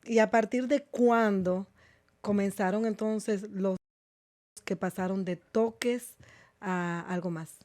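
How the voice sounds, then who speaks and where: A woman hosting an interview, asking gentle questions and reacting with short responses. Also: mid-range voice, steady tone, slow. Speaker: host. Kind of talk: conversational interview.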